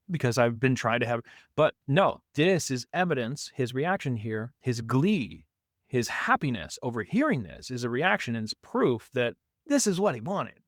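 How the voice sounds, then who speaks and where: A man delivers reaction commentary on a debate clip in an emphatic, arguing tone. He keeps asking pointed rhetorical questions. His voice sits at a middling pitch and sounds close and dry. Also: dry recording. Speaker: reaction video host.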